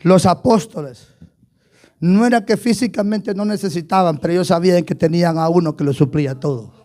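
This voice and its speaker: A male pastor preaching a Pentecostal sermon, swinging between shouted fervor and soft, hushed passages, with a repetitive chanted cadence. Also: sits high, a little fast.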